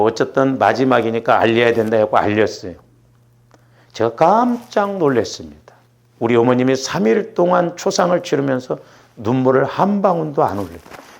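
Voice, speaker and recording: This middle-aged Jeolla pastor chats his way through a sermon at a Wednesday prayer service in a church sanctuary, peppering the congregation with "응?", which means "right?". His mid-range voice is expressive, creaky and darkish at a normal speed, captured with lo-fi sound.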